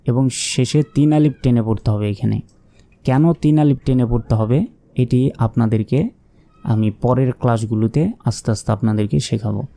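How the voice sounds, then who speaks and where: Guy slowly teaching quran reading, spells each letter out, mellow tone, dry close sound. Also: medium pitch, vocal fry, no room sound. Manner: patient, asks questions then answers them. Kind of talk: step-by-step spelling lesson.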